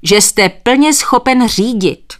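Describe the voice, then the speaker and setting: A woman voicing a male country doctor who insists firmly and formally, with deliberate phrasing. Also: fairly high pitch, pitched above the performer's own voice, close to an everyday voice. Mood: insistent.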